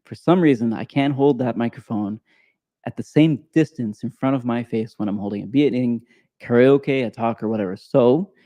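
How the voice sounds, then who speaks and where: A man's voice: mid-range voice, normal speed, no room sound, muffled recording. A man co-hosting a casual chat, rambling and laughing at himself, with a slight whistle on his s sounds that comes across like a lisp. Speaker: podcast co-host. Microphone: desk microphone.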